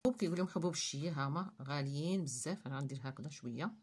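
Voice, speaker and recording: A woman's voice: deep voice, very fast, a little mellow, breathy edge. A woman with a Moroccan Arabic accent talks viewers through a recipe step by step in short phrases while she works. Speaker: cooking channel host. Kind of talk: step-by-step cooking demonstration.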